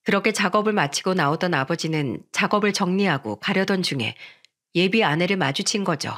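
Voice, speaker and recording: A woman narrating a radio-style story in first person, in a steady, even storytelling manner. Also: lowish voice, a little fast.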